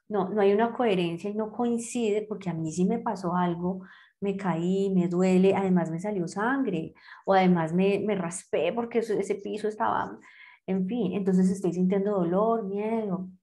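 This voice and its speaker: A woman's voice: medium pitch, dark tone. A woman giving a reflective talk, who strings phrases into long lists with many fillers and restarts. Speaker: guest speaker on childhood wounds.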